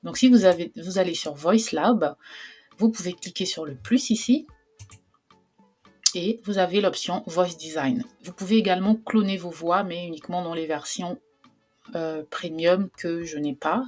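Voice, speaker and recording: A woman's voice: lowish voice, normal speed, a little mellow, soft background music. A woman hosting a casual screen tutorial, chatty and hesitant with many fillers. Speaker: tutorial host.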